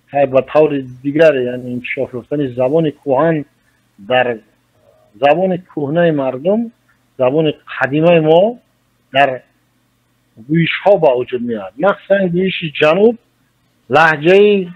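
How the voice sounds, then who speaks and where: A man with a Tajik accent, a journalist answering in a radio interview, speaking slowly and deliberately as he explains. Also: a little high. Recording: muffled radio recording.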